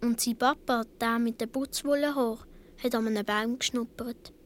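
A woman plays a seven-or-eight-year-old Swiss boy in a radio play, earnestly and wistfully recounting his story with a Swiss German accent. Her slightly high voice is lightly acted, with a steady tone and moderate pace.

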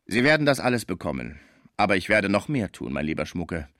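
A man's voice: low voice, very animated, brisk, a bit bright, no room sound, studio quality. A man reading aloud, voicing a vain, ambitious theatre director who is being generous. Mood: assuring.

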